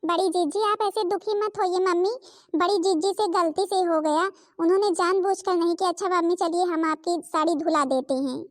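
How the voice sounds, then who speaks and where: A woman voicing a loyal younger daughter-in-law who calms her mother and defends her sister-in-law in a Hindi cartoon. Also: extremely high pitch, normal speed. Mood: soothing. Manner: soothing, reassuring.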